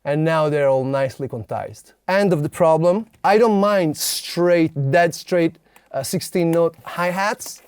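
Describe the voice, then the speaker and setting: A man's voice: on the high side, measured pace, darkish tone, clear, resonant tone, no echo. A man explaining step by step as a music producer in a studio tutorial, sometimes mouthing drum rhythms aloud. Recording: drum machine and synths playing under voice.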